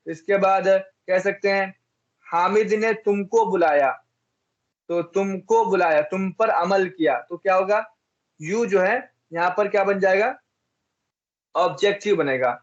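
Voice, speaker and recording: A man's voice: high voice, highs cut off. A man from India teaching an English grammar lesson, repeating each example and asking and answering his own questions.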